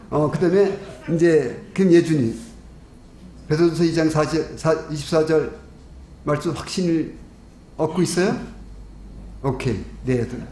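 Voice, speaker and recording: Korean pastor preaching in an echoey church. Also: male voice, fairly high pitch, darkish tone, slight background noise. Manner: storytelling with quoted dialogue, rising to fervent preaching. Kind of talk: evangelistic sermon. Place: church sanctuary. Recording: echoey church room with faint ambience.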